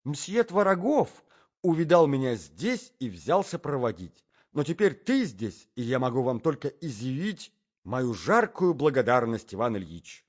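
Brief: male reader putting on a fluttery young society wife, high and breathless, lively swings, muffled lo-fi audiobook. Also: moderate pace. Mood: gushing. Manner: breathless, gushing, high and flighty. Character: flustered, chattering society lady, young wife. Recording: dull lo-fi audiobook recording.

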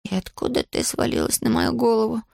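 A woman's voice: fairly high pitch, animated, brisk, gravelly, no room sound, clean studio sound, voice pushed up. A woman voicing a lazy, cunning schoolboy who whines, wheedles and fakes weakness in an audiobook. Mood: sly grumbling. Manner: whiny, wheedling, feigns weakness. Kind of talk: audiobook character voice.

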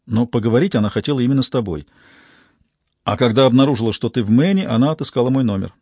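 A man reading a calm male detective. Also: medium pitch, fast, husky, no echo, studio quality. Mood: matter-of-fact.

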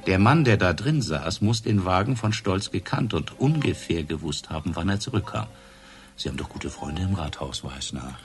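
A male actor with a low-pitched, animated voice plays a hard-drinking, sardonic police inspector in a radio crime drama. He accuses and probes with sarcasm and theatrical pauses in a dramatic mood, with faint music behind him.

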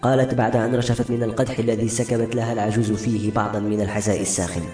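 A man reads a fantasy novel aloud in a steady, quick storytelling flow. His voice sits low and mellow. The recording is roomy, with soft music playing underneath. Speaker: narrator. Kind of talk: audiobook narration of a fantasy novel.

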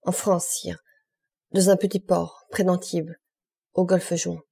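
A frightened minister stammers out bad news in despair, as a woman reads him in an audiobook. The voice is low and slightly husky, with a mellow tone. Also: level tone, slow, exaggerated voice. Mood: fearful. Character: frightened male police minister.

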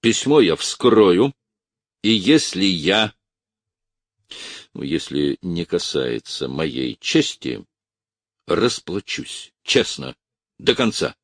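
A man playing a blunt, stern army officer who speaks in clipped, forceful commands, in a storybook reading. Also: deep voice, sing-song, slow pace, pauses often, no echo, exaggerated voice.

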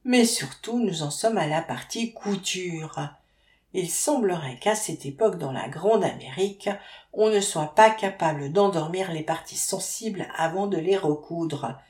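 A woman narrating an audiobook with wry, lively storytelling. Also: lowish voice, measured pace. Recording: roomy echo.

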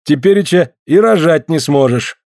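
A man's voice: on the high side, animated, darkish tone, no echo, studio quality, pitched above the performer's own voice. A man reading a story aloud, voicing a sly joking working man who teases and orders the others about. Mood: teasing. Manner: brisk, bossy, teasing.

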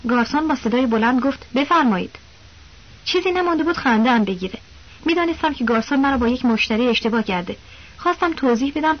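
High-voiced woman reading an audiobook. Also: dull audio. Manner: steady, plain first-person storytelling. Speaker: audiobook narrator.

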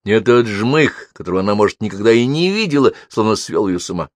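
A man narrating a first-person story as an audiobook reader, in a lively, expressive reading. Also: fast, dry recording, studio quality. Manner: lively, expressive reading with wide pitch swings.

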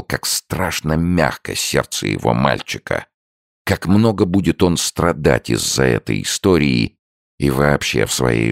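A man narrating a literary novel as an audiobook in a measured, expressive way. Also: extremely low pitch, gravelly, dry recording, studio quality.

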